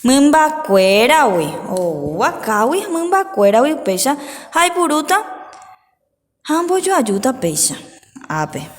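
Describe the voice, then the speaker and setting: A woman teacher giving a patient lesson to pupils, slowly repeating each word for them to say back. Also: high voice, sing-song, long reverb tail. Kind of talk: remote class lesson.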